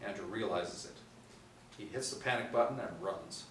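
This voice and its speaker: The narrator is a middle-aged man with a deep, slightly bright voice, reading stage directions at normal speed during a table read. He sits in a small room reading from a tablet, picked up by a distant mic amid echo and faint noise.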